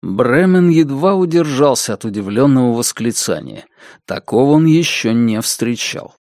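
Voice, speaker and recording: A man reading an audiobook with measured, even storytelling narration. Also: mid-range voice, no room sound, clean studio sound. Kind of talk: scripted narration.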